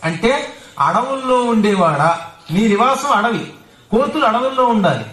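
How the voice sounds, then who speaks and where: A man's voice: very high-pitched, animated, measured pace, fairly bright tone. Man giving a scripture discourse. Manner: humorous storytelling, chants verses. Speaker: religious discourse speaker. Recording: roomy hall, distant mic.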